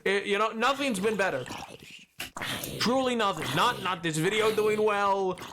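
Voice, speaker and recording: A man chatting casually and excitably on a gaming livestream, joking and repeating his words. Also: high-pitched, measured pace, noisy background. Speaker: game streamer.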